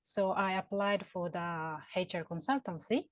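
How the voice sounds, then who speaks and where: A woman HR consultant and career counselor with a Japanese accent answers interview questions thoughtfully, using many fillers and restarts. Her voice is lowish and steady, a little slow, with no room sound.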